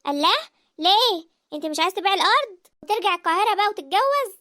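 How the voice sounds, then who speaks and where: A woman voicing Sara, a lively and emotional young village woman in an animated drama, with an Egyptian accent. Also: extremely high pitch, quick pace, no echo, clean studio sound, heavily acted. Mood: defensive. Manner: animated, expressive. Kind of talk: cartoon voice acting.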